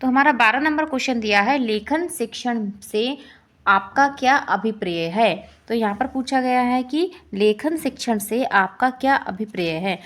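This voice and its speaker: Fairly high-voiced woman teaching Hindi exam prep. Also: expressive, unhurried, a bit bright. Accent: Hindi-belt Indian. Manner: repeats each answer as a quiz question.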